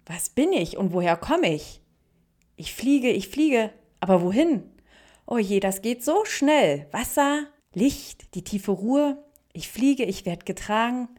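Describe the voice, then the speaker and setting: A woman's voice: fairly high pitch, expressive, takes it slowly, a little mellow, voice pushed up. A woman voicing a small, timid lotus seed that speaks in a wide-eyed, plaintive, childlike way. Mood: wondering.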